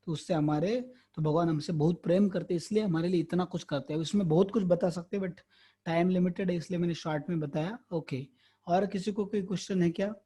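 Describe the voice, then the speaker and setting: Earnest man teaching, husky mellow voice. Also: high-pitched, brisk. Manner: earnest, explaining with rhetorical questions and examples. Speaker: spiritual teacher answering questions. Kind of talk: online Q&A lecture, Hindi mixed with English. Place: online class.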